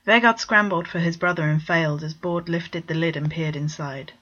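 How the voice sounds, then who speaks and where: A woman narrating a short written story in a steady, even reading voice, on a dull lo-fi recording. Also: low-pitched, normal speed.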